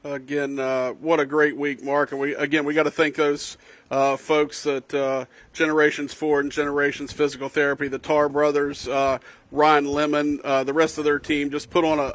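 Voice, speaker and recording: A man giving conversational live golf commentary in a folksy, halting way. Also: a little high, flat delivery, a bit bright, no echo.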